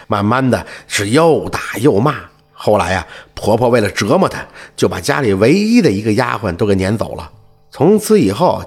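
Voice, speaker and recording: A man telling a folk tale in an expressive, animated way, with dramatic rises and falls. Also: lowish voice, breathy edge. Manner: animated, expressive, rising and falling. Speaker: storyteller.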